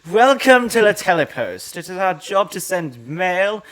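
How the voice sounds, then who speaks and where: A genial, welcoming station chief from a video game greets newcomers in a chatty, pitched-up voice, as a man on a livestream reads his lines aloud. He trips over a word here and there but keeps his hearty tone, with his voice swinging up and down. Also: sing-song, unhurried, fairly bright tone, exaggerated voice. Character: friendly male telepost station chief.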